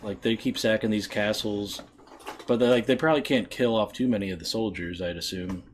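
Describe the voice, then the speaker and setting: A man's voice: fairly low pitch, brisk, a little hiss or hum. Man making wry remarks. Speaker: podcast co-host. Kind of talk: casual chat.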